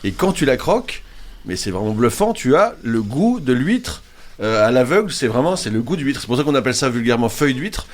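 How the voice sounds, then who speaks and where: A man's voice: medium pitch, very animated, a little fast. Enthusiastic male radio co-host. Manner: enthusiastic, conversational explaining. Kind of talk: casual radio chat.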